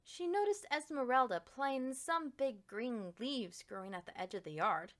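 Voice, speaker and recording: A woman uses a fairly high pitch as she reads a picture book for children aloud. The delivery is that of an expressive storyteller, with emphasis that is dramatic and deliberate.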